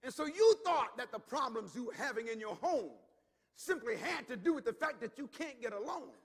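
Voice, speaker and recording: A male pastor preaching a sermon, swinging from low, intimate asides up to emphatic shouts, and repeating words as he builds his point. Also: lively intonation, moderate pace, husky, big-room sound. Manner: repeats words and acts out quoted voices.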